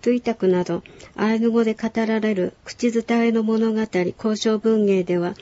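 A woman teaching a radio language lesson, calmly explaining words and stories. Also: on the high side, normal speed, no echo, lo-fi sound. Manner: calm explanatory lecturing. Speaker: language instructor.

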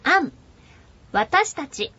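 A woman's voice: high-pitched, big pitch swings, drawn-out words, pushed and bright, dull audio. A woman co-hosting a radio language lesson, introducing segments and repeating words after the teacher. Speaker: co-host and learner.

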